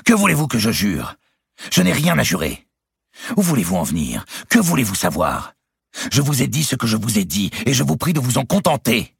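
A man voicing a hot-tempered young king who shouts indignantly and whose voice cracks high when cornered. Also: animated, normal speed, vocal fry, breathy edge, dry recording, clean studio sound, full character voice. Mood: defensive.

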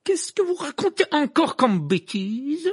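A man's voice: on the low side, wildly swooping pitch, slow pace, a bit bright, slightly rough, no echo, clean studio sound, exaggerated voice. A man voicing a spiteful male teacher who talks in a cold, sneering, cutting way.

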